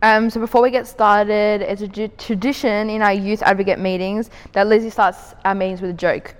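Young woman, panel host, mid-pitched, friendly and informal, long hall reverb. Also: little pitch movement, normal speed, smooth. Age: young adult. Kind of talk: hosting a panel.

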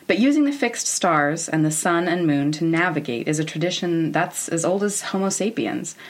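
Woman, thirties, American accent, low-pitched, informal educational narration, wry and candid manner. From Oregon, United States. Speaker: podcast host. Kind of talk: semi-scripted educational narration about space history.

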